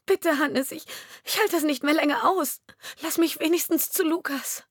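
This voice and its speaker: A woman reading an audiobook, voicing a distraught wife who shouts and pleads. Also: high voice, normal speed, no echo, clean studio sound, voice pushed up, close to an everyday voice. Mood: pleading. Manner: shouting, then tearful pleading.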